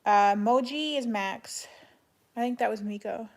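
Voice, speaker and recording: A woman chatting casually on a livestream as she answers viewers, speaking in a flat monotone with a creaky voice. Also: a little high, a little slow. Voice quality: creaky vocal fry. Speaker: live streamer answering chat.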